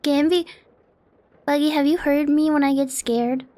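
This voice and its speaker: A young woman with a high-pitched, warm, steady voice streams from her apartment at a moderate pace. Close to a desk mic on an arm, she chats casually, rambling, self-deprecating and swearing often.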